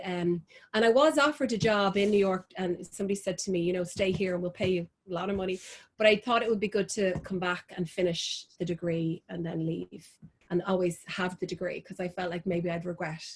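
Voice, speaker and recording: A woman's voice: lowish voice, breathy edge. Chatty Irish woman in her forties. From Ireland. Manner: chatty, many ums and restarts, laughs often. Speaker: fashion designer, guest. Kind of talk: interview over video call.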